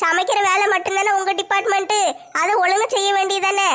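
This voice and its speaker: A woman's voice: extremely high pitch, flat delivery, a little fast, a bit bright. A woman playing a cheeky young daughter-in-law arguing with her mother-in-law in a comedy skit. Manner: talking back, arguing.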